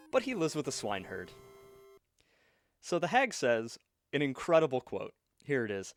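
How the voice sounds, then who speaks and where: Brief: male streamer, storytelling while gaming, joking, distracted, mid-pitched, faint music behind. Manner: joking, distracted, self-interrupting.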